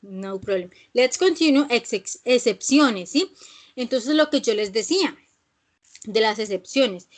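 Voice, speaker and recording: A woman's voice: on the high side, lively intonation, measured pace. A woman teaching an English grammar class, explaining patiently and checking in with "¿sí?" after each point.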